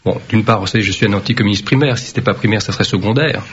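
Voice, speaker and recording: A man who serves as a mayor, answering interview questions firmly and deliberately, with frequent hesitations. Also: fairly low pitch, slight background noise. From Vietnam. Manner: firm, measured, with frequent hesitations. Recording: dull lo-fi radio recording.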